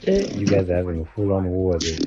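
A man's voice: low voice, big pitch swings, fast talker, highs cut off, background noise. A man teasing his friends with dry remarks and laughs during casual game chat. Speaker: gamer streaming with friends.

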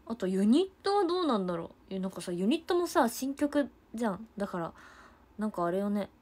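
A woman's voice: mid-range voice, big pitch swings, quick pace, a little mellow. A young woman with a chatting casually to fans on a livestream, giggling often.

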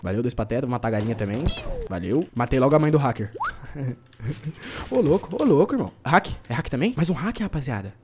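Fast-talking, excitable young male streamer. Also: mid-range voice, background noise. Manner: slangy, excitable, joking banter with chat. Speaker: gaming streamer. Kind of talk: casual live gameplay commentary.

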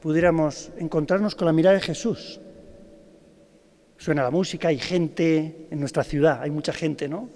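A man preaches a Holy Week address, drawing in his listeners with questions. His voice sits fairly high for a man. A long cathedral reverb trails every phrase. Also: steady tone, moderate pace, a little mellow. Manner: engaging, asks the audience questions. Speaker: Holy Week proclamation speaker. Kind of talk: preaching to a congregation. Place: large cathedral.

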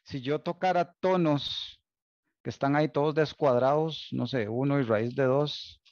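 Lecturer, gravelly and dry. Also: male voice, medium pitch, a little slow, a little mellow, no room sound, dull audio. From Costa Rica. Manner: thinking aloud, many restarts and checks like "¿Ok?". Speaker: university lecturer. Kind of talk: recorded online lecture.

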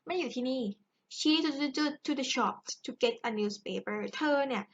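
A woman with a Thai accent, teaching English grammar in a chatty, big-sister way and reading the English examples slowly. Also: sits high, lively intonation, dull audio, slight background noise. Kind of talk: explaining grammar exercises to students.

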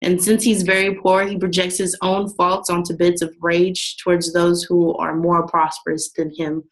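A student, a young woman with a fairly low voice, works through her prepared notes at normal speed as she reads slides aloud for a class presentation. The delivery is even and flat with occasional restarts, captured on a rough recording.

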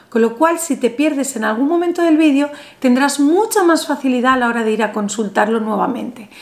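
A spiritual channel host in her thirties sits at a table in a small, bright room, facing the camera, and calmly guides viewers through a money ritual. She has a high voice and speaks to the viewer directly in a soothing, instructive way.

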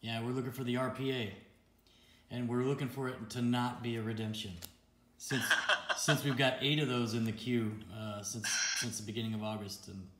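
A man of medium pitch hosts a casual card unboxing on his card-opening channel, talking at a normal speed in a steady, slightly bright tone. He's chatty, laughs a lot, and reads out each card's name. There's a roomy echo and faint noise on the recording.

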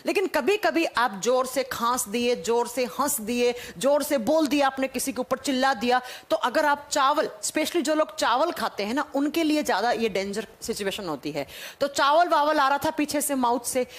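A woman's voice: sits high, lively intonation, moderate pace. A woman teacher giving a class to children. She explains step by step and asks questions, then answers them herself. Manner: addresses students as children. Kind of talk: live online class lecture.

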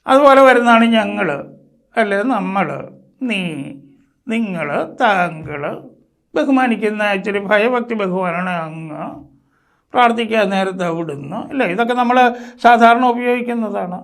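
A man teaches English grammar, working through his points patiently and one at a time. His voice sits fairly high and has a gravelly edge. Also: fairly bright tone. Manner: explanatory, slow, listing terms one by one. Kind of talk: spoken English lesson.

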